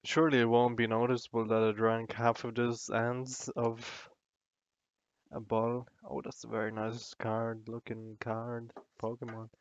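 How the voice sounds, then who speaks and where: A man's voice: mid-range voice, smooth, no echo, dull audio. A drunk man in a casual, sweary, meandering and self-deprecating ramble to the camera, as a vlogger does.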